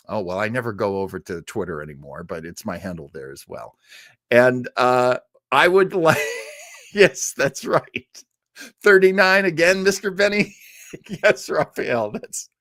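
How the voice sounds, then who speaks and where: A man in his early sixties hosts a livestreamed classic radio listening show, chatting casually and ramblingly with viewers and throwing in jokey asides. His medium-pitched, fairly bright voice is recorded with studio quality and no room sound.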